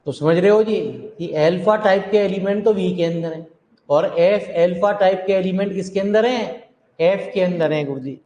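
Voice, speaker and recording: A male math teacher giving a classroom lecture, speaking slowly and repeating himself while dictating notes to his students. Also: high-pitched, dark tone. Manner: slow and repetitive, dictating notes, affectionate address to students. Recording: echoey hall.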